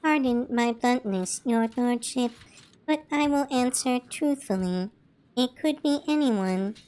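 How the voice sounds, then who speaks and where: A woman voicing a cold, mechanically augmented noblewoman from a game, speaking in a formal, measured way. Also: on the high side, a little mellow.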